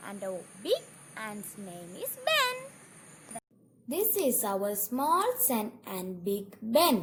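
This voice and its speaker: A woman teacher with a Kerala accent gives an online class to first graders, asking the children slow, sing-song questions and switching between languages. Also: high voice. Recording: loud background noise.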